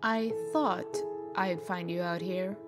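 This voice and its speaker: Over music, a woman with a fairly low, steady voice speaks slowly as a stern, composed government official in a fairy-tale comic dub. Her dramatic acting is formal and insistent, with a serious mood.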